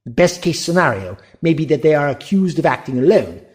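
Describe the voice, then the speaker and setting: A man's voice: on the high side, big pitch swings, brisk. Man playing the Doctor, swooping and musing. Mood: pondering. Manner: theatrical, musing, gently wry. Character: thoughtful, wry time-travelling adventurer. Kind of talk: audio drama acting.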